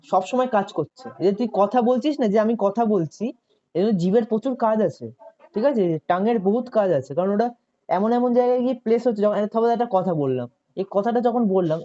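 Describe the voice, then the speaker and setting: The recording is dull and lo-fi: a tutor with a dark, mid-range voice gives a talkative online coaching lesson. Students are asked questions often and checked on whether they follow, with "ঠিক আছে" coming up repeatedly.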